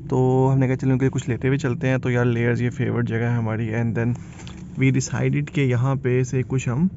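A man's voice: medium pitch, flat delivery, moderate pace, background noise. A man in his thirties chatting casually as he vlogs, laughing often and mixing English phrases into his talk, filmed on a phone held at arm's length. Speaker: vlogger. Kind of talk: casual vlog chat. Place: busy cafe and parked car at night. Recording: dull phone audio, loud crowd.

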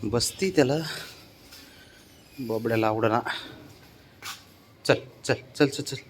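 A man of ordinary pitch chats to his cat at home. He keeps calling it along with short, patient, repeated words, now and then drifting down to a soft mutter, with a faint hiss of noise underneath. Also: slow pace. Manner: coaxing, repetitive calls to a cat. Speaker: cat owner filming his pet. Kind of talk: casual talk to a pet.

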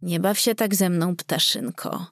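Woman doing shy young village man, soft and coaxing, slow, dry close sound. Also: mid-range voice, expressive, dry recording. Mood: tender.

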